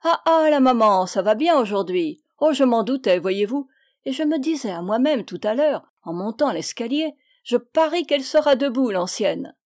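A woman reading aloud voices a jovial, hearty male doctor who speaks loudly and cheerfully. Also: animated, normal speed, lightly acted. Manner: hearty, booming.

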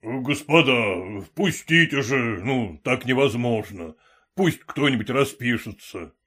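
A stiff official courier, as a male reader plays him, deep-voiced, officious and even in tone. He speaks from behind a door in an audiobook story. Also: slow, slightly rough, heavily acted.

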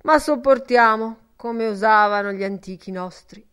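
Lady doing a jolly betting man, loud and hearty, storybook reading. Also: a little high, unhurried, clean tone.

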